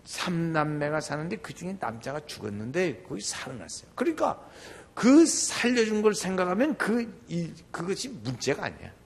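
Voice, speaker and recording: An older man preaching a sermon, his voice gravelly and husky. He swings his pitch widely and slips into the voices of the people in his stories as he preaches. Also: normal speed. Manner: animated, acts out quoted voices. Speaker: pastor.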